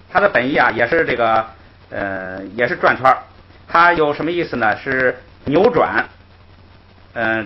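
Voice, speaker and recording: A male teacher speaks at a middling pitch, explaining patiently and circling back over each point small chuckles. The recording sounds dull and lo-fi, a faint hiss underneath. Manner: patient, repetitive, punctuates with "hey" and soft chuckles. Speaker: Tibetan grammar teacher. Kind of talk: explanatory classroom lecture.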